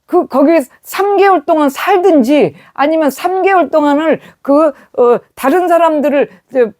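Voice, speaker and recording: A woman's voice: high-pitched, moderate pace, a little mellow. A middle-aged woman giving a sermon testimony, telling a story animatedly with quoted dialogue. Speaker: preacher.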